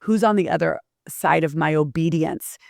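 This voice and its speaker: A woman hosts an interview and tells her own story with animated energy, often restarting her sentences. Her voice sits low and has a gravelly texture. The sound is dry and close. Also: moderate pace, no room sound. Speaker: podcast host. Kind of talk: casual interview chat.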